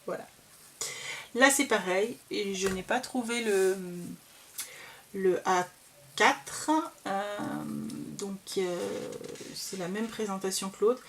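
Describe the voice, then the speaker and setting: Slow, chatty woman showing papers. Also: medium pitch, steady tone, a little hiss or hum. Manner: slow, chatty, enthusiastic with many fillers. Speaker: crafting vlogger. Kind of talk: casual show-and-tell of scrapbooking papers.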